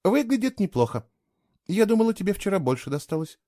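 A man's voice: high voice, sing-song, fairly quick, warm tone, no echo, studio quality, voice pushed up. Cool mocking young woman, as a man puts her on. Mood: brisk. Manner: curt, mocking, matter-of-fact. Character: brisk cool-headed young woman traveler.

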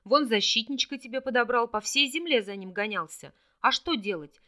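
A woman's voice: a little high, animated, normal speed, sharp tone. A woman voicing a scheming old male trickster villain in an audiobook, with a mocking, gloating way of talking. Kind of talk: audiobook character voice.

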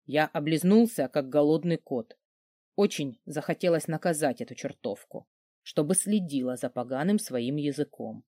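A man's voice: a little high, expressive, normal speed, dark tone, no echo, clean studio sound. Sardonic male audiobook narrator. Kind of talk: first-person novel narration.

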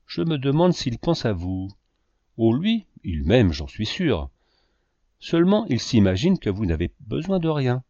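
A man reading as a flattering, scheming suitor. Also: mid-range voice, unhurried, no room sound. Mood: insistent. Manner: insistent, flattering. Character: scheming, self-pitying grown man, a would-be seducer. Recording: dull lo-fi dry recording.

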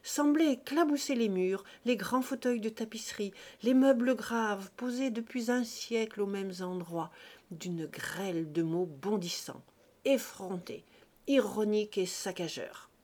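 A woman reads a classic short story aloud, clear and expressive. Her voice sits at an ordinary middle pitch. She tells it steadily, as a practiced reader. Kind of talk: literary reading.

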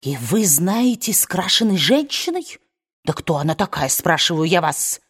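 A woman's voice: fairly low pitch, very animated, normal speed, a bit bright, slightly rough, heavily acted. A woman reading the part of a nosy, pious old nanny in an audiobook, with folksy, grumbling speech. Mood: suspicious.

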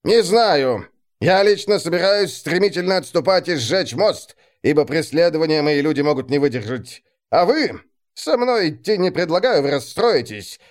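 A man's voice: a little high, animated, moderate pace, pitched above the performer's own voice, lightly acted. A man voicing a dry, sardonic male adjutant who speaks with cool, mock-polite irony. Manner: coolly ironic, mock-polite. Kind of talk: audiobook character reading.

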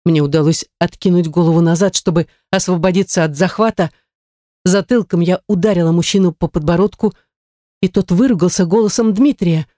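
An audiobook narrator carries a first-person story at a steady, even pace. The voice is warm and mellow in tone. It is recorded close and dry, with no room sound. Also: medium pitch, fairly quick, no room sound.

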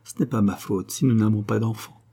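A man's voice: lowish voice, steady tone, fairly quick, warm tone, husky. A man reading aloud and voicing a grieving young wife who pleads tearfully with her husband. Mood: pleading.

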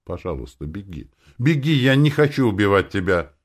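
A man's voice: medium pitch, lively intonation, moderate pace, pitched above the performer's own voice, natural voice. A man voicing a tearful young woman who pleads in breathless half-whispers. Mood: pleading.

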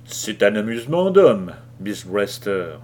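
A man's voice: fairly low pitch, very animated, slow, darkish tone. A man reading an audiobook, voicing a brutal, cold-hearted sea captain with a dry, mocking tone.

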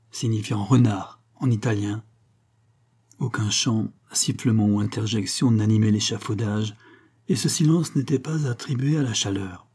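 Male narrator, audiobook, measured storytelling, mellow, husky. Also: on the low side.

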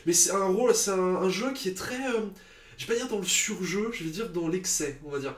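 A man's voice: sits high, a little fast, roomy sound. A man co-hosting a casual podcast about films, talking in an opinionated, chatty way with frequent fillers. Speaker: podcast co-host. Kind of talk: casual film chat.

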